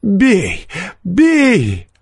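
A desperate poor peasant screams his accusations in a high, cracking voice. The voice swings wildly up and down. It sounds dry and close, with faint music behind. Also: wildly swooping pitch, very slow, vocal fry, breathy edge, no room sound, full character voice. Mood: frantic rage. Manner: shrieking, wild, accusing.

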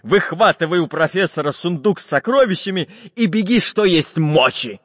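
A man voicing a fat, gruff male pirate captain who barks his orders slowly. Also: a little high, animated, voice pushed up. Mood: bossy. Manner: barking, drawn-out. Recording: dull lo-fi with long reverb.

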